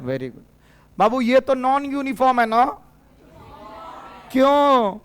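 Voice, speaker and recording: A middle-aged man with an extremely high, fairly bright voice teaches physics in a lively classroom lecture, very animated but slow-paced. His Hindi carries a Bhojpuri tinge, and he teases students and drills them in call-and-response.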